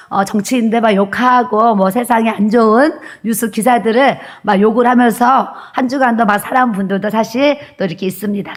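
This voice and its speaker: A woman pastor giving a sermon in a church, earnest and conversational, pausing often with "uh" fillers. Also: fairly high pitch. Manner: earnest preaching with frequent "uh" fillers. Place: church sanctuary.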